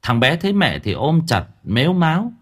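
A man's voice: on the high side, very animated, normal speed, husky. A man narrating a story expressively. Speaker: audiobook narrator.

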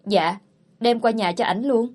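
A woman voicing a naive, eager young rural wife who speaks softly and politely in a storybook reading. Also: fairly high pitch, unhurried.

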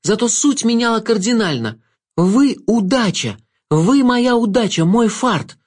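A man voicing a defiant, determined young girl heroine in an audiobook, speaking high and emphatic. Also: lively intonation, a little slow.

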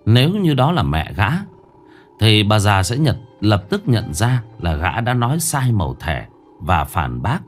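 Male horror narrator, low and expressive, suspenseful. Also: a little slow, faint music behind. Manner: dramatic, suspenseful storytelling. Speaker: storyteller.

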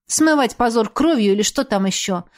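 A woman's voice: on the high side, lively intonation, normal speed, natural voice. Narrator doing a prickly young woman in an audiobook, prim, cold and proud. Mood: cold, hurt. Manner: prim, hostile. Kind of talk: audiobook character voice.

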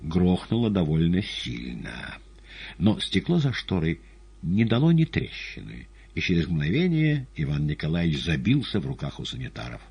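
A male audiobook narrator reading a novel in a dramatic, expressive way. His voice is low and husky, with lively, wide-ranging intonation. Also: moderate pace.

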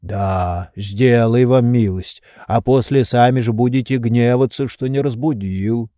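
A man reading an audiobook, voicing a stubborn old male manservant who coaxes and mutters complaints slowly. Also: mid-range voice, dark tone, no room sound, clean studio sound, natural voice. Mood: muttering. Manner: slow, coaxing, muttering complaints. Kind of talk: audiobook character voice.

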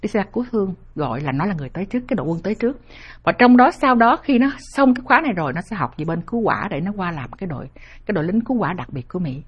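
A woman's voice: on the low side, expressive, rapid-fire, husky. A middle-aged woman, talking earnestly to viewers and giving parents advice in a lecturing way. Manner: earnest, lecturing, acts out family dialogue. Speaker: host sharing life advice. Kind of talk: direct-address talk to viewers. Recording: dull lo-fi audio.

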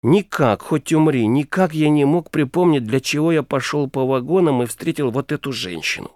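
Male audiobook narrator, ironic and declamatory first-person reading, animated pitch, dry close sound. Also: moderate pace, no echo.

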